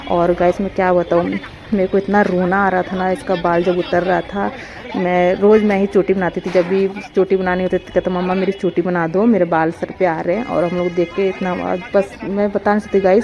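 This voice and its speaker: A woman's voice: fairly low pitch, lo-fi sound. A young woman vlogger telling viewers a heartfelt story in a rambling, casual way, often calling them guys. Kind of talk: emotional casual vlog narration.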